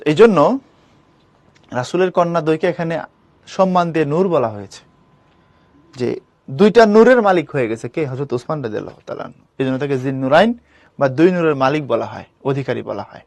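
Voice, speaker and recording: A man's voice: a little high, darkish tone, dry recording. A man teaching a live online class, explaining patiently and putting questions to his students.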